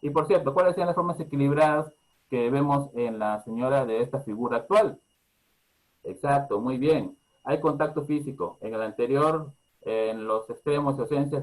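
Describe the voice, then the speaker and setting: A man's voice: medium pitch, poor audio. A man with a Peruvian Spanish accent teaches a parenting class through a teleconference microphone. He explains steadily and patiently, turning often to the listeners with questions. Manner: calm explanatory teaching, asks the audience questions and demonstrates tones. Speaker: psychologist giving a parenting talk. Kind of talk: online lecture. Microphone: teleconference computer mic.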